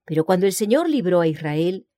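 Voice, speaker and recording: A woman giving a measured, solemn scripted narration of a religious book, reading out scripture citations. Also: fairly low pitch, big pitch swings, warm tone, no echo, studio quality.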